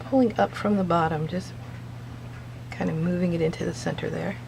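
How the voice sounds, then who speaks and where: Casual crafting woman with a creaky voice. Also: on the low side, fairly even intonation, brisk, noisy background. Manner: chatty, musing to herself in short phrases. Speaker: soap maker narrating own craft video. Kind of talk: casual craft vlog chat, thinking aloud.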